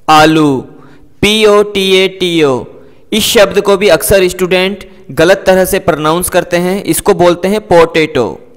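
A man's voice: high-pitched, fairly bright tone, big-room sound. A man teaching English words with their meanings, saying each word and its meaning twice and explaining pronunciation to students. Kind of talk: vocabulary lesson.

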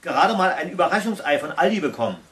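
A man's voice: fairly high pitch, sing-song, fast, fairly bright tone, far from the mic. A man voicing a grumbling male troll in a storybook reading.

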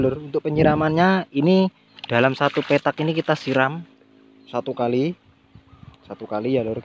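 A man's voice: medium pitch, a little mellow, muffled recording, slight background noise. A man, a chili farmer giving a casual tutorial vlog outdoors in his field and chatting to viewers with a friendly filler word. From Central Java, Indonesia. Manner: chatty, addresses viewers as "Lur" often.

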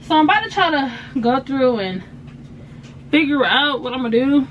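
A woman's voice: high voice, expressive, normal speed, muffled recording. A young woman vlogging in a cluttered basement storage room, talking casually to the camera and rambling when unsure. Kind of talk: casual vlog. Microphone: handheld camera close up. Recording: noisy home video.

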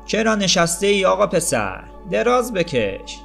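A man voicing a gentle, loving young mother in an audiobook story, speaking softly and coaxingly. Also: high-pitched, big pitch swings, creaky, soft background music, pitched above the performer's own voice, full character voice. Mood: tender. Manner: soft, coaxing, smiling.

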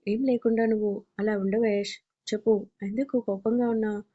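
A caring young mother coaxes and gently scolds, voiced by a woman. The warm voice barely rises or falls. The recording is a little dull. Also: medium pitch, level tone, fairly quick, lightly acted. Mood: persuasive. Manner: gentle, persuasive.

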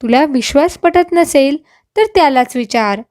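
A woman's voice: high voice, animated, moderate pace, darkish tone, dry recording, clean studio sound. A woman playing a childlike young man. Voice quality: pleading, childlike.

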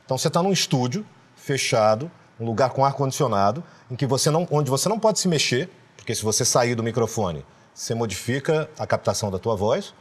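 Expressive middle-aged Brazilian man. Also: medium pitch, a little fast, breathy edge. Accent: Brazilian Portuguese. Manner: relaxed, expressive, explains with lively emphasis. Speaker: guest, voice actor. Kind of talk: casual interview chat.

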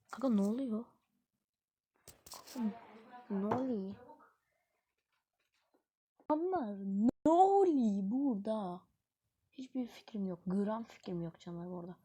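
A woman hosting her own gaming channel, giving excitable live gameplay commentary full of exclamations and quick frustration. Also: a little high, husky.

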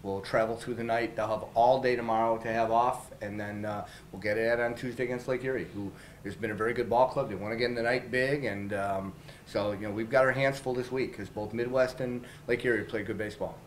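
Candid baseball manager talking to reporters. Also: male voice, medium pitch, fairly even intonation, a little fast, a little hiss or hum, rough recording. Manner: candid, conversational, many fillers and restarts. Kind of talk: post-game press interview. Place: small press room in front of a logo backdrop. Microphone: several handheld reporter mics held up close.

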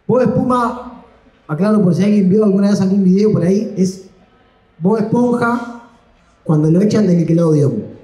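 A man's voice: high voice, fast, dark tone. Rambling Argentine man doing stand-up. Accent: Argentine Spanish. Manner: rambling, slangy, self-deprecating. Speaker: stand-up comedian. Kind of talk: live stand-up storytelling. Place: comedy stage. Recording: echoey live room.

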